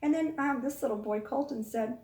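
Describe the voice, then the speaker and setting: Her high-pitched, a little mellow voice moves a little fast as she hosts storytime, asking young kids questions and coaxing them in a singsong way. The audio has a roomy echo from a far-off microphone.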